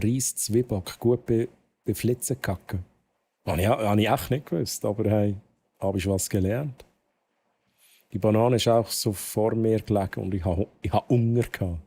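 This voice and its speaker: A man's voice: on the low side, dark tone, husky. A man with a Swiss German accent streaming a game, chatting casually with viewers, laughing often and reading the game's text aloud. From Switzerland. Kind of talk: casual gameplay commentary.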